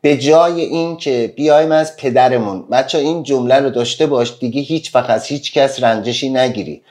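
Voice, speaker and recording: A man's voice: mid-range voice, darkish tone. A man giving a casual motivational talk on a live stream, speaking earnestly and piling up rhetorical questions to his listeners. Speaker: self-help speaker.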